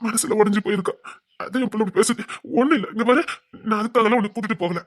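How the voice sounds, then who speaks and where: An actress voices a tender, devoted woman with a Tirunelveli Tamil accent, trying to calm a grieving loved one. She soothes her, pleads with her and repeats the same reassurances over and over. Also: mid-range voice, fast, close to an everyday voice. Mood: pleading, soothing. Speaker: close companion consoling a grieving woman. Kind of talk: emotional web drama acting.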